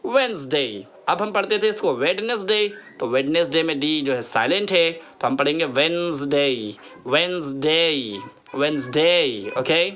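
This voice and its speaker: A man teaching a lesson, repeating words slowly and asking the viewer questions. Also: on the high side, a bit bright, slight background noise. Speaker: English teacher. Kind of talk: spoken English lesson.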